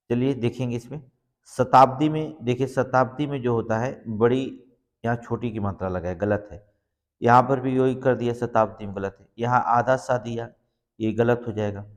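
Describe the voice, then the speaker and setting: A man teaching exam preparation, walking through each answer step by step and confirming it with a repeated check. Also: medium pitch. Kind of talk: exam-prep lesson. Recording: long reverb in the room.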